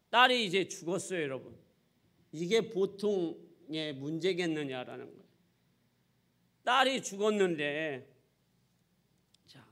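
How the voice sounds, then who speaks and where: Animated high-voiced preaching man. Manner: dramatic preaching, swinging from loud cries to low asides, acting out voices; keeps addressing the congregation. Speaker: pastor. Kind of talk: sermon.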